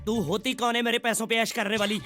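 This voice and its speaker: A man's voice: medium pitch, moderate pace, a little mellow, soft background music, lightly acted. An actor playing an exasperated young man, bickering with his ex-wife, in a film comedy. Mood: angry. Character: harried young husband stuck paying alimony.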